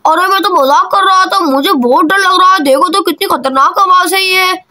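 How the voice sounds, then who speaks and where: A woman's voice: very high voice, moderate pace, pushed and bright. A woman voicing a boastful little village boy in a kids' doll-play story, chatty and teasing. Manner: chatty, teasing, calls out "arre" often.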